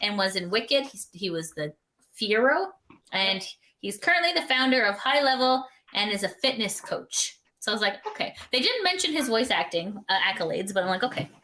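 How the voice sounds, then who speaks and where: A woman from Canada co-hosting a podcast in casual chat, excitable and gushing, easily sidetracked. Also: medium pitch, normal speed. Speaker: podcast co-host.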